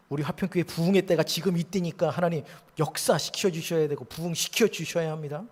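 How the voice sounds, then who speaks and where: A male pastor preaches in a high, bright voice. He delivers an earnest sermon that swings from hushed near-whispers to emphatic rises. His voice rings with the long reverb of a church hall. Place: church sanctuary.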